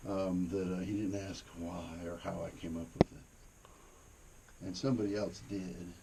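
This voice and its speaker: Gravelly low-voiced man swapping stories. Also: flat delivery, normal speed. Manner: profane, rambling, laid-back. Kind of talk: casual anecdotal storytelling. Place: inside a cave during a tour. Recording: noisy cave ambience. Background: cave ambience, noise.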